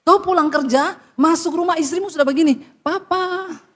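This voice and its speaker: A woman's voice: very high-pitched, fast talker. A middle-aged woman pastor preaching a sermon in a blunt, scolding way, mixing in casual slang.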